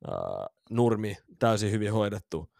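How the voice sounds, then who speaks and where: A man's voice: fairly low pitch, wildly swooping pitch, vocal fry, a little mellow, no echo. A man co-hosting a casual football podcast, bantering and teasing his friends during a quiz. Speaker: podcast co-host.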